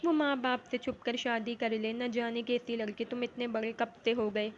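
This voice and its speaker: A middle-aged mother, fond of her son yet quick to scold, voiced by a woman reader. Her voice is fairly high and flat. The tone is sharp. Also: a little hiss or hum, close to an everyday voice. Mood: angry. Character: middle-aged mother, doting but angry.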